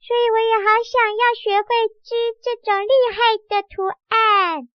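An adult voicing a small, eager boy spider in a children's radio play, childlike and squeaky. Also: steady tone, moderate pace, dry recording, dull audio.

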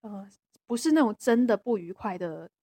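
A woman with a Taiwanese Mandarin accent, co-hosting a podcast in casual chat, talking hesitantly with many restarts and a soft voice that trails off. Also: medium pitch, expressive, moderate pace, dry recording. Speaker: podcast co-host.

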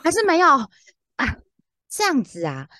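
A woman's voice: high-pitched, wildly swooping pitch, unhurried, pushed and bright, dry recording, clean studio sound. A young woman telling a story in casual podcast chat, laughing and acting out the dialogue she retells. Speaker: podcast co-host.

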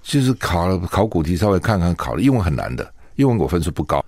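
Animated, low-voiced male radio host. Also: fast, dry recording, studio quality. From Taiwan. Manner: chatty, asks rhetorical questions, laughs at own stories. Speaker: radio talk show host. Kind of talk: solo news commentary.

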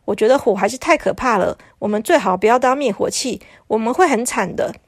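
Brief: high, eager talking toilets in a kids' story, squabbling, voiced by a woman. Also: fairly quick, no echo, clean studio sound. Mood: gloomy. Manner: excited, bickering. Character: chatty talking toilets, boastful then sulky.

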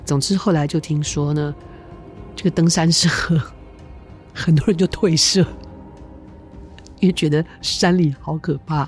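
A middle-aged woman, a podcast host telling a spooky story in a chatty, lively way with asides to her listeners. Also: deep voice, a little slow, long pauses, faint music behind.

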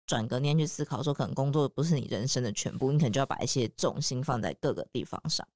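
A woman's voice: rumbling low, fast talker, a little mellow, no room sound, clean studio sound. A woman with a Taiwanese Mandarin accent, chatting casually as a podcast host. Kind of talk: casual chat.

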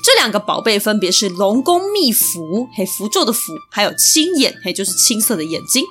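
Animated bright-voiced woman podcaster. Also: mid-range voice, moderate pace. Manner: chatty explainer, spells out written characters. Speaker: podcast host. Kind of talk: storytelling history podcast. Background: soft background music.

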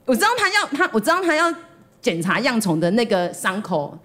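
Podcast host, woman, Taiwanese Mandarin accent, lively storyteller who plays every voice in her tale. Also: fairly high pitch, brisk. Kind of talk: casual storytelling chat.

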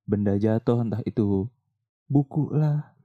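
A man co-hosting a casual podcast, joking and laughing, speaking with in a hushed late-night tone. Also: fairly low pitch, unhurried, phone-quality sound. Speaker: podcast co-host. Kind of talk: casual chat.

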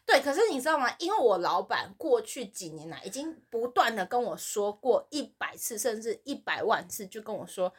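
A woman's voice: brisk, few pauses, breathy edge. A woman co-hosting a podcast, telling a workplace story in casual chat and acting out the other people's lines with big swings in her voice. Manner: animated, acts out quoted voices with big pitch swings. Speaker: podcast co-host.

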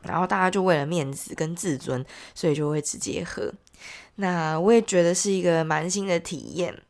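A woman's voice: fairly low pitch, normal speed, a little mellow. A woman with a Taiwanese accent and a nasal, congested voice from a heavy cold, chatting casually as the host of a solo audio diary. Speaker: podcast host, entrepreneur.

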